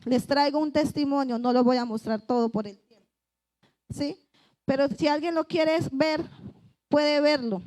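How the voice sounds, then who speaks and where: High-voiced woman preaching earnestly. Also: unhurried, pauses often, a little mellow. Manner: earnest, often voices pleading prayers aloud. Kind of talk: conversational church sermon. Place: church service.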